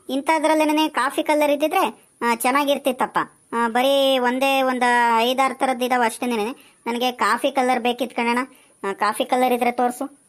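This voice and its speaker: A woman's voice: sits high, lightly acted. A woman playing a chatty, bossy village woman shopping for saris, nagging and teasing in a comedy skit.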